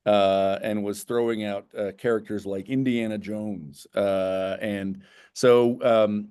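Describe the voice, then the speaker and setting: A man's voice: fairly low pitch, steady tone, slow, darkish tone, smooth, dry recording, studio quality. A man hosting a casual interview who rambles, stopping and restarting his phrases. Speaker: podcast host and editor. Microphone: remote call.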